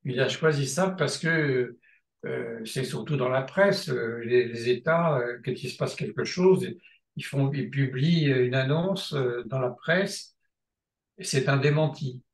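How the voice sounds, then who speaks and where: In a reverberant room, a man with a mid-pitched voice teaches a seminar spontaneously. He thinks out loud, hesitating with filler sounds and frequent restarts, and hammers points home through emphatic repetition.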